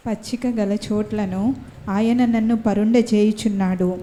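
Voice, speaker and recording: Woman reading bible verses slow, really dark mellow voice, bit far off, faint hiss. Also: mid-range voice, fairly even intonation. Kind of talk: scripture reading.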